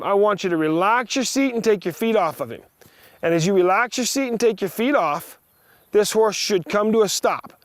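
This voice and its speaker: A man with a fairly high voice works as a riding instructor. He projects brisk commands to a student, then explains in plain, practical terms. The sound is dry and close, with no room ring. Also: dry recording. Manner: short directives mixed with plain practical explanation.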